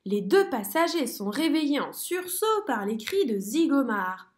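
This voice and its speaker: Expressive woman reading a children's story. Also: high voice, a little slow. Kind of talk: reading a picture book aloud.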